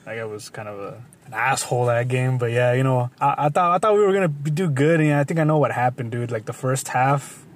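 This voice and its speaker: A man's voice: mid-range voice, brisk, few pauses. A man co-hosting a casual sports chat, rambling with many restarts and saying "dude" constantly. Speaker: podcast co-host.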